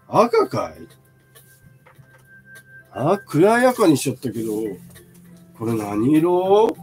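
A man in his fifties talks casually through a live sales stream, showing goods and answering viewer comments. His voice sits a little high and swings widely in pitch. Faint music plays behind him. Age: 50s.

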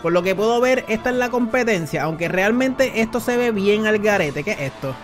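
A man streaming live, calling a game race for his chat in excitable, rapid play-by-play. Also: high-pitched, music in the background.

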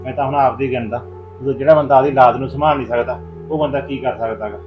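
A man's voice: mid-range voice, fairly even intonation, quick pace, muffled recording, music in the background, natural voice. An actor playing a middle-aged father-in-law who keeps apologizing and pleading to make peace, in a village family drama. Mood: apologetic. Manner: pleading, apologetic, repeats himself.

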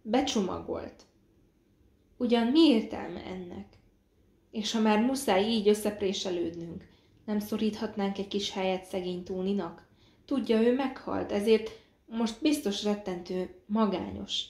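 A woman's voice: medium pitch, a little mellow, close to an everyday voice. A woman reading an audiobook, voicing a dazed, confused young woman who rambles and pleads. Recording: roomy echo.

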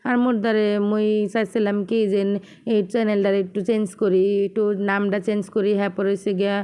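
A woman's voice: mid-range voice, flat delivery, quick pace, dark tone, clean tone. A woman speaking with a Barishal Bengali accent, chatting casually and directly to her viewers in a home vlog. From Bangladesh. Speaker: vlogger.

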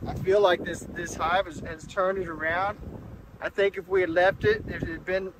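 A beekeeper records a casual hive inspection vlog in an open-field bee yard, his high-pitched voice picked up by the camera mic he wears. He talks in a relaxed, halting way, restarting often and using lots of fillers. Loud buzzing bees and wind dominate the outdoor audio, a crowd can be heard in the background, and the sound quality is poor.

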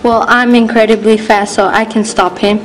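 A woman's voice: mid-range voice, steady tone, moderate pace, lightly acted, poor audio. A woman playing a cocky, eager speedster superhero in a cartoon. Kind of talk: scripted animated superhero acting. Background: loud music.

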